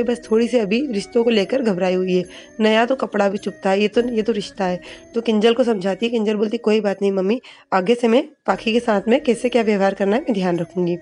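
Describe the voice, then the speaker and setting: A woman narrating a TV serial episode recap in a casual, unscripted way, with pauses and restarts. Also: mid-range voice, faint music behind. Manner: retells scenes with filler pauses and restarts, reading dialogue flatly.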